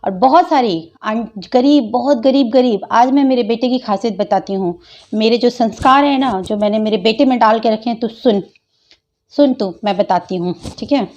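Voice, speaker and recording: A woman's voice: a little high, normal speed, darkish tone, muffled recording. A woman, taunting and scolding a critic in a home vlog reply.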